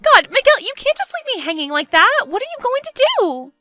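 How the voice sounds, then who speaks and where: A woman voicing an excitable, pushy young woman friend in an animated story, exclaiming and goading. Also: extremely high pitch, moderate pace, faint music behind, pitched above the performer's own voice, full character voice. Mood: worried.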